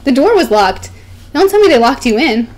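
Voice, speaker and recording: A woman voicing a high-pitched, dainty, princess-like schoolgirl heroine. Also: very animated, moderate pace, a little mellow, rough recording. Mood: surprised, concerned. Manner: dainty princess-like delivery, exclaiming. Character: polite, earnest schoolgirl heroine of a visual novel. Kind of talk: live dramatic reading of a visual novel. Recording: faint music behind.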